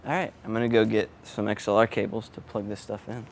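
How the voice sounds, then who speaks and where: Inside a print shop, a sound engineer vlogs casually while setting up gear, talking quickly in a lowish voice with little pitch movement. He's offhand and often mutters to himself, and the recording carries clear background noise and room ambience.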